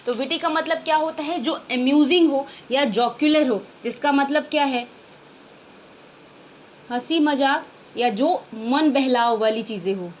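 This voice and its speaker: High-voiced woman teaching vocabulary in Hindi. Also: a little slow, slight background noise. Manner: explains in Hindi mixed with English, often asks and answers her own questions. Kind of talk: exam-prep vocabulary lesson.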